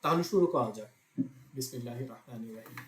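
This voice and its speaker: A man's voice: medium pitch, brisk, fairly bright tone, echoey room, a little hiss or hum. A man teaching a language lesson, patiently spelling out letters and example words one at a time. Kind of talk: teaching Italian pronunciation in Bengali.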